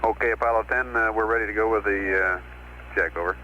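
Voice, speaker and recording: Male mission controller, low register, measured radio procedure, clearly noisy beeping space link. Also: fairly even intonation, muffled recording. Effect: radio transmission.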